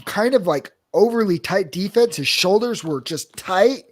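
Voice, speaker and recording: A man's voice: sits high, animated. A young man co-hosting a podcast, chatting casually and with strong opinions about fight results. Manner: opinionated, joking, quick asides. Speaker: podcast co-host. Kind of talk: casual fight recap chat.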